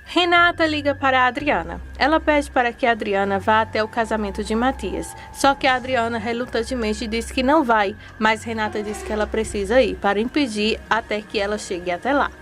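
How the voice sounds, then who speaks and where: A woman's voice: a little high, brisk, few pauses, a bit bright, faint music behind. A woman retelling telenovela episodes in a casual, chatty way, joining her sentences with fillers. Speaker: telenovela recap narrator.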